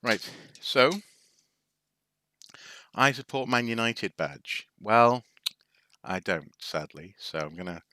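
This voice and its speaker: A man from North Wales with a very deep voice that still has a bright, crisp edge rambles casually through a live stream. He hesitates, restarts and drops wry asides. The sound is close and dry. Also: animated, slow pace, pauses often, no room sound. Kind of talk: casual rambling show-and-tell.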